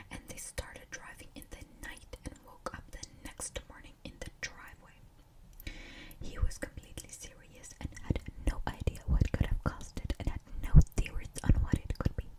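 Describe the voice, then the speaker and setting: A woman whispers in a breathy, unvoiced ASMR style, as a storyteller reading aloud with casual asides. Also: far from the mic.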